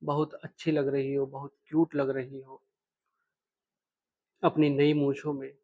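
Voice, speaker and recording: A man's voice: mid-range voice, completely flat delivery, unhurried, phone-quality sound. A man voicing a shy young man. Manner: hesitant, soft-spoken.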